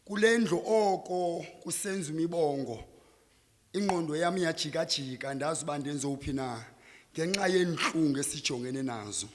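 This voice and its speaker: On stage in a reverberant hall, a slam poet from South Africa speaks in a Xhosa accent, his voice on the high side and his pace normal. He builds his rhythmic, declamatory spoken word from quiet to loud with dramatic, impassioned force.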